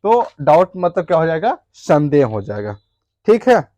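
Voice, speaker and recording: Male teacher, slightly high voice, dry close sound; drills a class with questions, answers them himself, repeats each point. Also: big pitch swings, normal speed, mellow, dry recording. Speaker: English teacher. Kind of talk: classroom lesson explaining English words.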